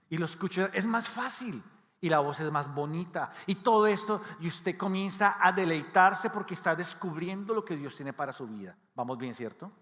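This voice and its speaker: A Latin American pastor with a high, bright voice preaches a sermon and keeps asking the congregation questions. His voice carries a long reverb from the church hall.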